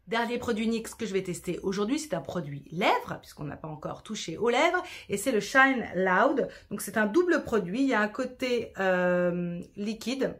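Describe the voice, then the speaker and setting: Woman, beauty vlogger, casual makeup tutorial, chatty, self-deprecating, mid-pitched voice. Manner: chatty, self-deprecating, sprinkles English words.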